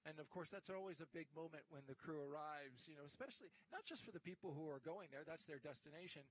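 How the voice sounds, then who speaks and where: A man's voice: on the high side, animated, quick pace, low-quality recording. A middle-aged American man hosting a live launch broadcast on a studio headset. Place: indoor broadcast studio desk.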